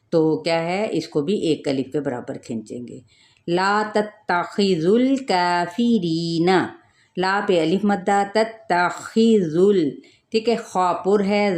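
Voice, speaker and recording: A woman teaching Quran recitation rules, explaining each rule step by step and drawing out the recited words slowly. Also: lowish voice, a little mellow. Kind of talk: tajweed lesson, explaining then reciting.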